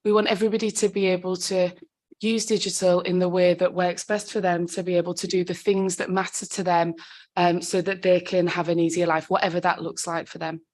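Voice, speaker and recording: A council digital inclusion officer with a sore throat presents a report to a committee, conversational and full of ums and self-corrections. Her husky voice is lowish and darkish, level in tone, and fairly quick.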